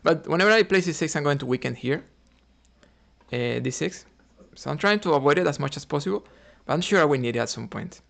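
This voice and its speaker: A Cuban man streams chess live, talking through his moves, often tagging on "right?" and chatting with viewers between moves. His voice sits on the high side and is animated, fairly quick, gravelly and a bit bright.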